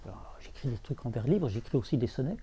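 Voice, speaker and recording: A man talking as a literary translator before an audience, halting, repeating words and chanting verse rhythms. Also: mid-range voice, very animated, warm tone, husky. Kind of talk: bookshop talk with audience.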